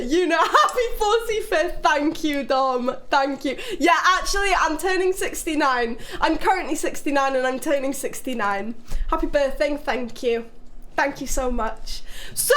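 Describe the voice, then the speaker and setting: A woman's voice: high-pitched, a bit bright. A young English woman hosting a live stream, chatting casually with her chat, swearing freely and teasing people in a playful way. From England. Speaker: livestream host.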